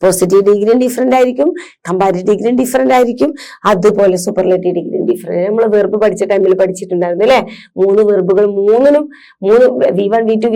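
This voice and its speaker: A woman's voice: mid-range voice, darkish tone. A woman teacher patiently explaining grammar to children, asking and answering her own questions. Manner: patient, asks and answers her own questions, mixes English terms into Malayalam.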